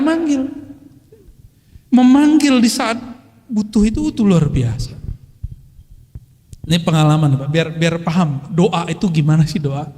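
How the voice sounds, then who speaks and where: A middle-aged man with a high, darkish voice delivers a religious study talk in a relaxed, conversational style, weaving in Arabic phrases. The recording carries a long hall reverb.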